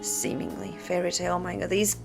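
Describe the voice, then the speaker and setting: This host of a disturbing-literature channel speaks fairly quickly in a low, gravelly voice with little pitch movement, music playing underneath. She delivers casual scripted commentary to camera, dramatic yet conversational, talking directly to viewers and posing rhetorical questions.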